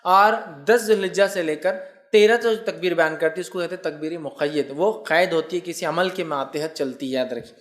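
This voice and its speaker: Man preaching, somewhat high voice. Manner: explains slowly, recites Arabic phrases in between; urges listeners, repeats reminders. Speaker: Islamic preacher. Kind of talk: religious lecture.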